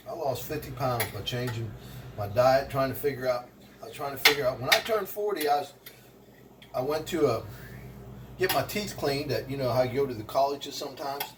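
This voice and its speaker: Recorded from a distance against a noisy background, a medium-pitched man in his sixties talks casually to viewers as he cooks at home. He's a vlogger and motivational speaker, and his kitchen chat wanders.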